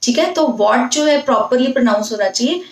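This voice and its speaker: Brief: higher-voiced woman, patient lesson host, repeats points, recorded at a distance in an echoey room. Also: expressive, fairly quick. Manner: patient, repetitive explaining. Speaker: English teacher. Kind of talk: casual spoken-English lesson. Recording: echoey room, mic set far off.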